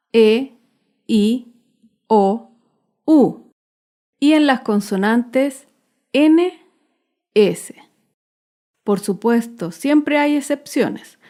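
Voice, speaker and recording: Slow, careful female teacher voice. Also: fairly high pitch, a little mellow. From Chile. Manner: careful, deliberate, stressing each syllable. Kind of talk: slow, clearly spelled-out grammar lesson narration.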